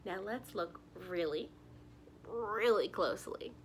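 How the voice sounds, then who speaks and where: In a home living room, a young adult woman gives an expressive read-aloud of a children's picture book, turning to her little listeners with questions. She uses a mid-range, expressive voice and takes things slowly. There's a little hiss or hum in the audio.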